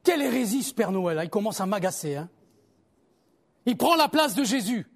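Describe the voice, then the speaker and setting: A man preaching a sermon in a conversational, animated way, moving between loud calls to the listeners and quiet, low asides. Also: moderate pace, creaky.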